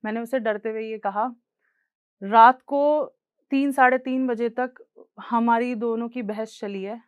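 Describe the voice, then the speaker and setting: A woman's voice: fairly high pitch, steady tone, measured pace, smooth, dry recording. A young woman with an Indian accent tells a personal life story on stage in an earnest, plain way, slipping English words into her talk.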